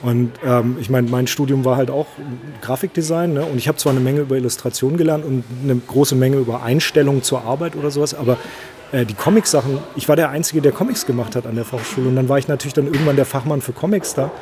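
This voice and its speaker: A man co-hosting an interview in a casual, chatty and animated way. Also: mid-range voice, fast talker, slight background noise.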